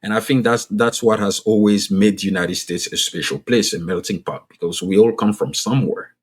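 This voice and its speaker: In this podcast interview, the guest is an Ivorian economist and author whose first language is French, and his accent reflects it. His fairly low, husky voice moves at a brisk pace. Earnestly, he keeps repeating and restarting phrases for emphasis.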